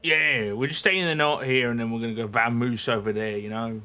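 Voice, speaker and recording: A man's voice: mid-range voice, steady tone, brisk, pushed and bright, faint music behind. A man playing a tabletop role-playing game, chatting casually and joking, with hesitant fillers. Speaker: player.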